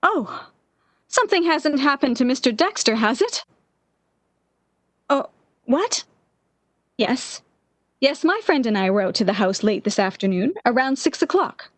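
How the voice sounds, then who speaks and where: An actress plays a distraught, obsessive lovesick woman in a 1940s-style radio drama, her delivery intense, halting and theatrical. Her voice sits high and is very animated, with an anxious mood and no echo.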